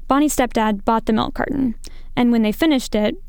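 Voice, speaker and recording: A woman's voice: on the high side, fairly quick, a little mellow, clean tone, no echo, studio quality. A woman reporting on a podcast in scripted documentary narration.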